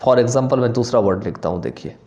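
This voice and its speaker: A man teaching a lesson, reading English definitions aloud slowly and then explaining them again in plain words, checking in often with his students. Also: medium pitch, animated, dark tone. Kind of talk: Hindi lecture on English phonetics, mixing Hindi and English.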